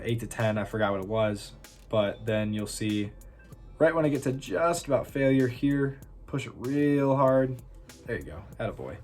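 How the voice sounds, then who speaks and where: Laid-back young man narrating gym clips. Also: on the low side. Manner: laid-back, self-teasing, many fillers. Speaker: fitness vlogger. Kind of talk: casual voice-over commentary on gym footage.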